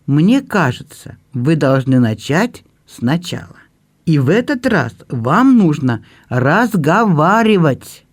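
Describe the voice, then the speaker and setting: A man reading an audiobook and voicing a gentle older brother who speaks softly and jokes kindly. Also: fairly high pitch, very animated, slow pace, exaggerated voice. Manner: soft, kindly, gently joking.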